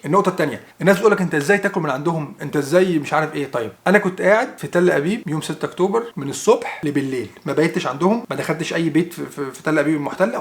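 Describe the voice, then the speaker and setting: A young man with an Egyptian accent talks to his camera at a breakneck clip, his voice sitting high for a man. He retells events as casual, animated storytelling and acts out both sides of the dialogue himself. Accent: Egyptian Arabic. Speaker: vlogger.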